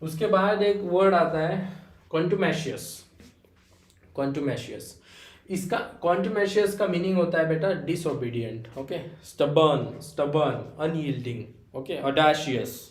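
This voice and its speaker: A man's voice: fairly high pitch, slow pace. Indian man teaching vocab in an echoey room. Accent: Marathi-influenced Indian. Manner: explains with repeated fillers like "okay" and "है ना"; addresses students fondly as "बेटा". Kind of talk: Hindi-English vocabulary lesson.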